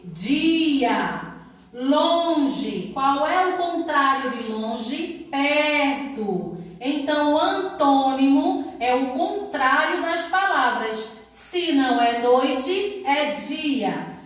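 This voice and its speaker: A woman with a Brazilian Portuguese accent gives a recorded lesson to young schoolchildren. Her voice sits high, and she talks at an unhurried pace, drawing words out syllable by syllable. The room rings with heavy echo. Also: a bit bright. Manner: slow, careful, drawn-out syllables for young pupils. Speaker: primary school teacher. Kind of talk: recorded remote lesson for children. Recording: very echoey room.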